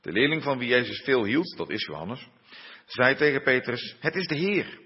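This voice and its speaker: A man's voice: medium pitch, very animated, normal speed, breathy edge. A man preaching a sermon in a church and reading from scripture, speaking unhurriedly with frequent hesitations. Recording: dull muffled sound in a reverberant church.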